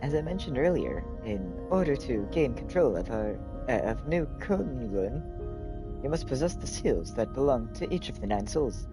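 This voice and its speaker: A man's voice: mid-range voice, sing-song, moderate pace, music in the background. A man voicing a formal, apologetic male robot assistant in a video game, in a slightly robotic delivery. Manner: polite, stiff, apologetic.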